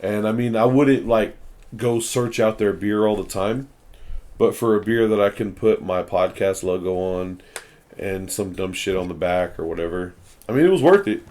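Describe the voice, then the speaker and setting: A man's voice: lowish voice, moderate pace, a little mellow. A young man hosting a podcast, chatting casually over beers, blunt, profane and rambling. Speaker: podcast host.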